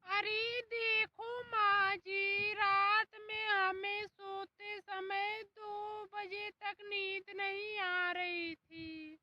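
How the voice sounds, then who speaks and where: A woman playing a sharp-tongued young daughter-in-law in a comic short film, snapping and complaining. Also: very high voice, little pitch movement, drawn-out words, hardly any pauses, lo-fi sound, heavily acted. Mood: irritated. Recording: loud background noise.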